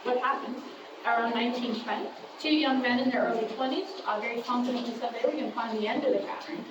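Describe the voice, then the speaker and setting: A woman's voice: on the high side, fairly even intonation, fast talker. A woman working as a cave tour guide, chatting informally and jokily to a group as she explains and tells stories. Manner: chatty, jokey, addressing a group. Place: inside a cavern. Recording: echoey cave, distant mic, clear background noise.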